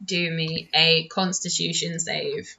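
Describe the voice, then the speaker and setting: A woman's voice: low voice, level tone, slow, gravelly, sharp tone, highs cut off. A woman acting as game master, narrating a tabletop role-playing game in a casual, playful, informal way.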